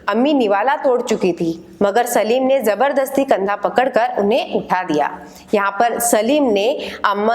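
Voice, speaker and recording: A woman teacher reading a story from a school textbook aloud and then explaining each passage in simpler words. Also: fairly high pitch. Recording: echoey room with long reverb.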